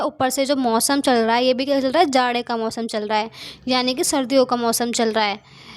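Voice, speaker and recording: A woman teacher going through a poem line by line, reading each verse slowly and then explaining it in simple everyday words with some English mixed in. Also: high voice.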